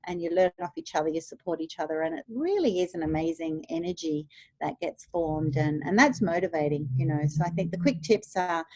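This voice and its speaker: A woman's voice: fairly low pitch, animated, fairly quick, gravelly, a little mellow, no room sound. Earnest encouraging coach woman, dry sound. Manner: earnest and encouraging, with many "you know" fillers. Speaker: guest, success coach. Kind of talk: casual interview conversation.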